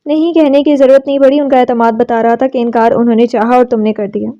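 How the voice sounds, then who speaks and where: Storybook young man, quiet and resigned, read by a woman, mellow tone, lo-fi. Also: fairly high pitch, steady tone, lightly acted. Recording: slightly dull lo-fi recording.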